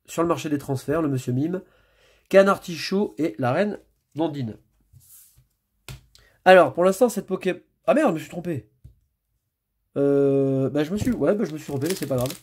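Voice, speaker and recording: Tearing into packs of trading cards, this YouTuber keeps up an easygoing commentary, naming cards under his breath as they come up. He sounds animated and fairly high, with a breathy edge, talking at a normal speed but pausing often.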